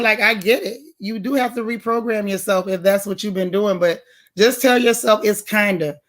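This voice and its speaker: Loud and heavy with a low, bassy edge, this woman's voice sounds hoarse at the moment. She addresses chat comments emphatically and plainly while hosting an informal livestream.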